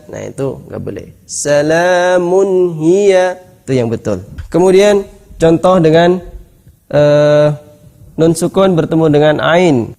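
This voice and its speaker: A man with an Indonesian accent teaching tajwid. He explains each rule and then recites the examples slowly, repeating them. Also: a little high, a little mellow. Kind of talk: tajwid lesson with chanted examples.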